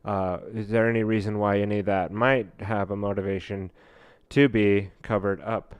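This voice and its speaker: Man reading aloud with halting fillers. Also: on the low side, level tone, clear, resonant tone, dry recording. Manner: halting, many fillers and restarts while reading. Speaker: podcast host.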